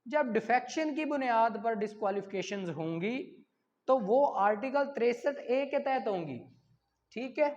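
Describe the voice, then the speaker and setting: In an unhurried, expressive and somewhat mellow voice on the high side, a Pakistani-accented woman tutors for an exam. She reads out questions, then answers them in a teacherly way and repeats what matters most, and the recording sounds muffled with lengthy hall reverb.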